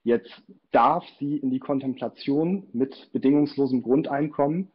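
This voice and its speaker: Male moderator; measured, formal questions; slightly lo-fi audio. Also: mid-range voice. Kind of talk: interview questions. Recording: slightly dull, lo-fi sound.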